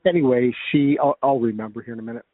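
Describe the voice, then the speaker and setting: A man's voice: medium pitch, fast talker, dry recording. A middle-aged man with an American accent speaks as a guest in a casual interview. His recollections ramble and halt as he searches for details. The sound is dry and slightly band-limited, like a phone call. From United States. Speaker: guest, comedic ventriloquist. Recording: narrow, dull radio-like phone line.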